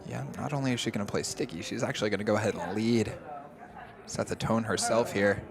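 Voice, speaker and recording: A young man commentating a live poker stream in a relaxed, analytical way. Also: on the low side, brisk, vocal fry. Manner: easygoing, analytical. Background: crowd chatter of a poker room.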